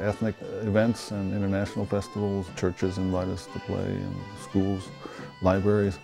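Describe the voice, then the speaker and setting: A man from Sweden who builds instruments, explaining his work in an interview in an unhurried way with fillers. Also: fairly low pitch, creaky. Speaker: instrument maker.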